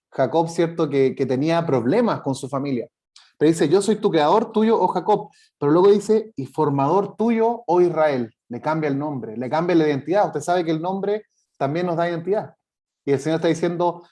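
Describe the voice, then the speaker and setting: Mellow-voiced man preaching. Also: fairly high pitch. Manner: repeats phrases and keeps asking "right?" of the congregation; reads scripture slowly with emphasis. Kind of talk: sermon. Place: church service.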